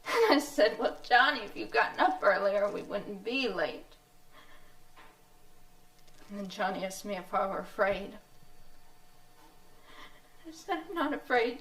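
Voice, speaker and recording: A frightened young woman, high breathless voice, stage sound from a distance. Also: fairly bright tone. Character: terrified young woman, grieving sister. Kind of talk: live stage acting. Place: theatre stage. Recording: echoey theatre from far off.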